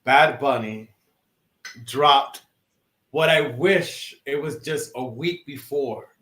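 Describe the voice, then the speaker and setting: A man co-hosting a podcast in casual chat, excitable and rambling, with lots of restarts and fillers. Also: mid-range voice, slow pace, reverberant. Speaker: podcast co-host.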